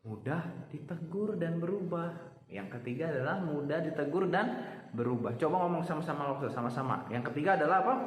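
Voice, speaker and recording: A man giving a children's sermon, speaking in an animated, storytelling way and acting out voices for the kids. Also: a little high. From Indonesia. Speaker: children's church teacher. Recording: echoey hall, faint background noise.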